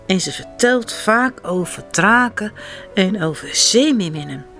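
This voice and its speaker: Lively woman reading a children's story. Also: medium pitch. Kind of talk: reading a children's book aloud.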